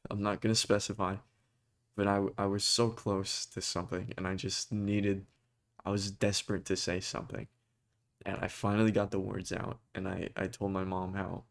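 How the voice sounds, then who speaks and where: Young male vlogger, low-set voice, hesitant and earnest, stumbles and restarts while searching for words. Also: gravelly. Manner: halting and hesitant, many restarts and fillers. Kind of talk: personal talk to camera.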